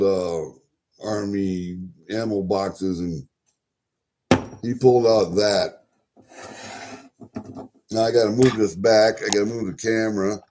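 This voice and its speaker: A man with a low, very mellow and relaxed voice hosts a casual livestream. He talks in a folksy, rambling way, thinking aloud and swearing freely as he addresses his viewers. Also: slight background noise. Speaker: livestream host.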